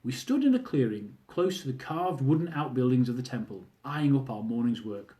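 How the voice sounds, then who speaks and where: This author gives an audiobook-style reading of his own comic travel memoir. His medium-pitched voice is dark and expressive, at a normal speed, as he wryly recounts events and addresses listeners in asides.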